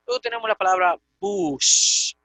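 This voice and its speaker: A man teaching a Greek grammar lecture, patiently repeating and slowly spelling out word forms. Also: sits high, pushed and bright, no echo, poor audio.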